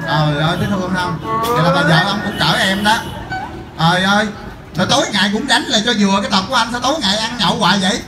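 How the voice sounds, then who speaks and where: A man playing a loud, jealous wife who wails and scolds while hunting down her drunk husband in a live comedy skit. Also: sits high, fast talker, echoey room, noisy background, natural voice. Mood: scolding. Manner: wailing, scolding, crying out to the crowd.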